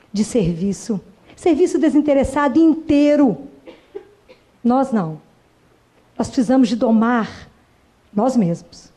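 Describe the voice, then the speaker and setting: High-voiced Brazilian woman preaching earnestly. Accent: Brazilian Portuguese. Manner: earnest and warm, slowing to stress key words, brisk and amused when telling stories. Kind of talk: informal religious talk with personal anecdotes.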